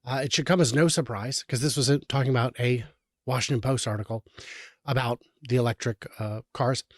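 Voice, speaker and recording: A man delivers political commentary in a sarcastic, exasperated tone and often breaks off mid-sentence to restart. His voice sits at an ordinary middle pitch for a man. The recording is dry and close, with no room sound. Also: fairly even intonation, a little fast, no room sound. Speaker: show host. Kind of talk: political commentary reading and reacting to articles.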